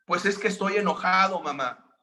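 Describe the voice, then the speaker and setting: A man's voice: high voice, normal speed, sharp tone, voice pushed up. A man voicing a timid young boy who hides his feelings, in a pleading, raised voice.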